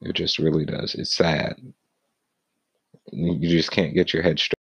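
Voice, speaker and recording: A man with a very deep, husky voice hosts a casual gaming podcast, blunt and profane and quick to mock himself. The sound is dry and close, with a dull, muffled tone. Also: level tone, no room sound. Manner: blunt, profane, self-mocking. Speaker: podcast host.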